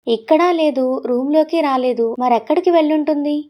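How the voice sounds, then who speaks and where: A woman's voice: high voice, normal speed, a little mellow, close to an everyday voice. Woman voicing a pressing young husband. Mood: worried, pressing. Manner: pressing, demanding questions. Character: young husband, brusque but caring.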